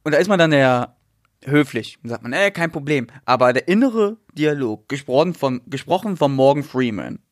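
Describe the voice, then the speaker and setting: A young man telling stories in casual chat, animated and full of slang, with many restarts. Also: medium pitch, moderate pace, no room sound, clean studio sound.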